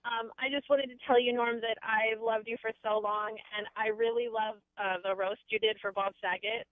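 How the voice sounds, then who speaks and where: A woman calling into a radio show, gushing and friendly. Her voice is slightly high and comes over a tinny phone line with a dry, close sound. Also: flat delivery, normal speed, dry recording. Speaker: caller. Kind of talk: radio call-in.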